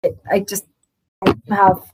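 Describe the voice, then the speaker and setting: A woman's voice: medium pitch, monotone, noisy background. A young woman in casual fan chat, speaking in an easy, laughing way. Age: young adult. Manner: unhurried, laughs often. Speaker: podcast co-host. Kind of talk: casual chat among fans.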